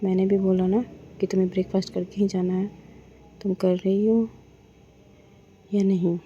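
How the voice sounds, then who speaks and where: A woman's voice: medium pitch, flat delivery, moderate pace, mellow, lightly acted. A woman voicing a teasing, stubborn young woman. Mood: insistent. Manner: teasing, insistent. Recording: dull lo-fi with faint noise.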